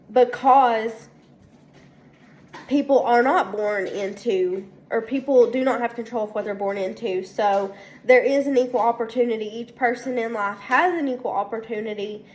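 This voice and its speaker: A young woman with a fairly high, darkish voice sounds congested from a sinus infection as she gives a casual spoken presentation of her weekly assignment. She speaks slowly and hesitantly, with lots of ums and restarts.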